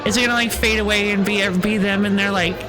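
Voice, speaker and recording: A woman's voice: medium pitch, steady tone, fast, music in the background, a crowd in the background. A woman game streamer giving casual live commentary.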